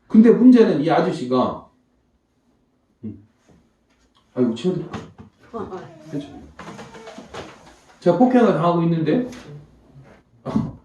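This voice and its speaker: Male comedian giving a church testimony, animated storyteller who acts out voices, mellow voice, recorded from afar in a reverberant church hall. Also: a little high, distant mic. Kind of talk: emotional testimony talk. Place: church hall before a congregation.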